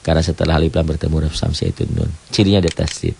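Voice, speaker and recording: A man teaching a radio tajwid lesson, explaining each rule step by step and chanting the verses slowly. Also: extremely low pitch, little pitch movement, creaky, darkish tone, slightly rough. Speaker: Quran recitation teacher.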